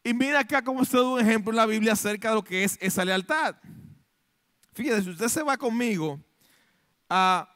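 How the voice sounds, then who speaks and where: High-voiced preaching man, dry sound. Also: moderate pace, pauses often, fairly bright tone, no room sound. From Dominican Republic. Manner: preaching with acted-out quotes and rhetorical questions. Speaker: pastor. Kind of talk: sermon.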